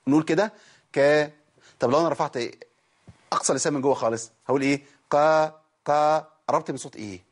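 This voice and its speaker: Tired, husky Egyptian man teaching recitation. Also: a little high, very fast. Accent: Egyptian Arabic. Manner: explains step by step, demonstrates sounds, asks viewers questions. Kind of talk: televised tajweed lesson.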